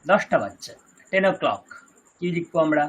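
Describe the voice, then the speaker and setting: A Sanskrit teacher with a Kolkata Bengali accent giving an online lesson over a video call, reciting terms slowly one by one and quizzing the class. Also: mid-range voice, big pitch swings, husky, low-quality recording.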